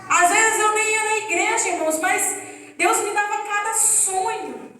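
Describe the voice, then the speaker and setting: A woman's voice: extremely high pitch, measured pace, bright, forceful tone. A woman giving an earnest, emotional personal testimony to a church congregation. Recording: echoey hall, distant mic, faint music.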